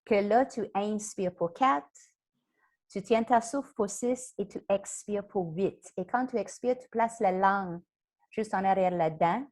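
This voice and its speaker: Slow calm lady, coaching breathing and mantras. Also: medium pitch. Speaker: wellness coach. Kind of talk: guided mindfulness lesson.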